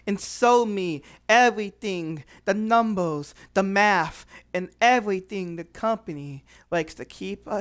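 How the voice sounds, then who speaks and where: Cocky male wrestling-company owner promo by a roleplayer, slow and smooth, grandstanding. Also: mid-range voice, a bit bright. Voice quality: boastful, grandstanding, drawn-out dramatic pauses.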